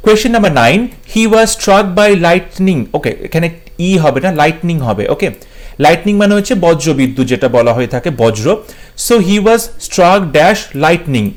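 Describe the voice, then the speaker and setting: A man takes learners through an exam practice set. His voice sits high for a man. He reads each English question slowly and deliberately, then explains it at an easy pace. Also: expressive. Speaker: English teacher.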